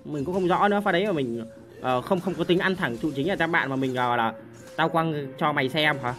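A young man giving excited gameplay commentary, repeating words in rapid bursts and grumbling at his teammates. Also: on the high side, faint music behind. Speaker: gaming streamer.

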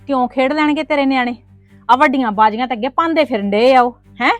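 A Punjabi woman in a scripted family drama, playing a sister-in-law who scolds and jabs with sarcasm. Her voice sits high and the words tumble out fast. The sound is dry and close, with faint music underneath. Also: no room sound.

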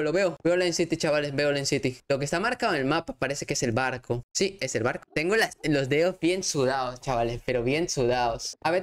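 A man giving excitable let's-play commentary as a gaming YouTuber, chatting to his viewers with sudden outbursts. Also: fairly high pitch.

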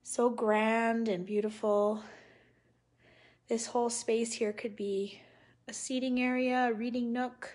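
A woman in her thirties leads a live virtual tour of a house, speaking into a phone held at arm's length as she walks from room to room. Her voice sits a little high, and she talks slowly with an upbeat, admiring manner. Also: level tone, darkish tone. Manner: upbeat, admiring, slow and deliberate. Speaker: real estate agent. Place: large house indoors, walking room to room.

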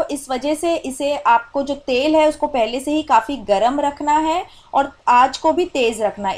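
A woman explaining a recipe step by step in a voice-over cooking tutorial, with many small filler phrases. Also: high voice. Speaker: cooking channel host.

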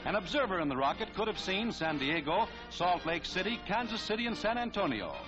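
A high-voiced man gives brisk, declamatory narration for an old 1940s newsreel. The sound is dull and lo-fi like archive film audio. Music plays clearly behind him. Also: very animated.

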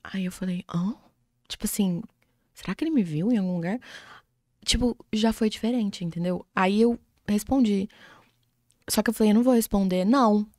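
A woman's voice: medium pitch, moderate pace, long pauses, darkish tone, no room sound, studio quality. A young woman, a podcast guest in casual chat, talking playfully and acting out bits of dialogue. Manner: chatty, playful, acts out little quoted dialogues.

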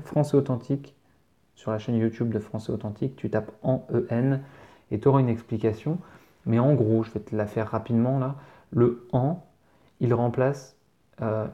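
Dark-voiced man answering viewer questions. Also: medium pitch. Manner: reads out viewer questions and answers warmly, spells words letter by letter. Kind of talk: casual live Q&A.

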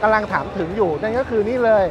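A man in his thirties presenting bikes at a busy indoor motor show in a lively, chatty way, speaking into a lapel mic. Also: high voice, fast, lo-fi sound. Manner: lively, chatty, points things out. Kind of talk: casual walkaround presentation. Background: music.

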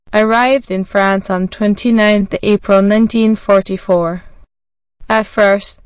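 Smooth, dry-voiced woman narrator. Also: medium pitch, no echo. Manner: even, measured reading that voices every symbol literally. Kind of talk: scripted narration of a graded reader.

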